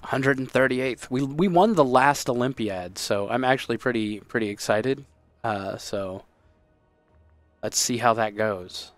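A Texan man in his thirties co-hosts a strategy game stream from a small room at home, chatting casually and playfully. He hams it up and breaks into loud, exaggerated bits. His mid-range voice is unhurried, with no room sound and soft background music.

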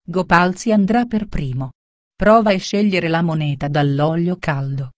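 A woman's voice: on the low side, unhurried, dry recording, studio quality, natural voice. A woman voicing a wise male emperor who gives firm commands in a storybook tale. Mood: commanding.

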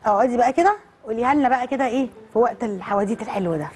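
A woman with an Egyptian accent hosting a children's TV show, telling a story in an animated, coaxing way and quizzing the kids. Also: fairly high pitch, racing, slight background noise. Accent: Egyptian Arabic. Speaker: children's TV host. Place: TV studio.

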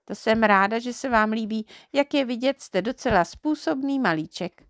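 Storybook girl, fussy and teasing, high and a little gravelly; a woman reader puts her on. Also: no room sound, studio quality, lightly acted. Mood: teasing, chiding. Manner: chiding, quick to scold and tease.

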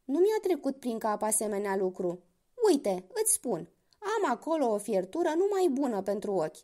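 A woman voicing a clever young male hunter in a spoken fairy tale, calm, sly and commanding. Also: fairly high pitch.

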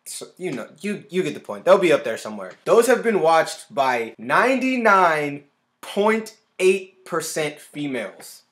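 A young man in his twenties hosting a music reaction video, excitable and often cutting himself off to react, recorded in a small room on a webcam. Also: on the high side, measured pace. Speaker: music reaction channel host. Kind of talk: casual reaction commentary. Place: small indoor room with a guitar on the wall.

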